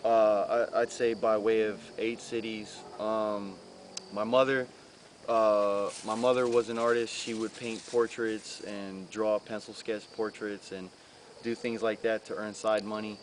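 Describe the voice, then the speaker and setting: A man's voice: on the low side, level tone, unhurried, roomy sound, a little hiss or hum, low-quality recording. A man in his thirties from the Bronx, a graffiti artist chatting in a casual interview, rambling with many fillers. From the Bronx, New York. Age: 30s. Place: outdoors.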